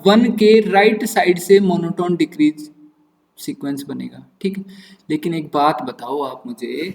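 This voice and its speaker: A man with a high voice teaches maths step by step and keeps asking his students questions as he goes. He sounds far from the microphone, in a room with a long, echoing tail. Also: a little mellow. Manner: explanatory, asks the students rhetorical questions; mixes English maths terms into Hindi. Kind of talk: online maths lecture.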